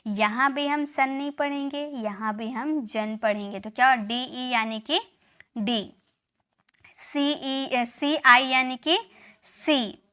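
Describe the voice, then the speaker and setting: A woman's voice: a little high, pushed and bright, smooth. A woman teaching English spelling to viewers. She spells words out letter by letter, repeats them, and checks in with the learners often. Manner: addresses viewers directly. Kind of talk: classroom-style spelling lesson.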